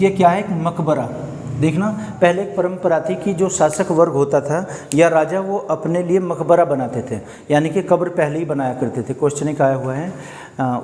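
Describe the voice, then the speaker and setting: Male exam-prep tutor, raised pitch, asks and answers his own questions, long room echo. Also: warm tone, a little hiss or hum. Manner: poses questions and answers them himself. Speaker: history teacher. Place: coaching classroom.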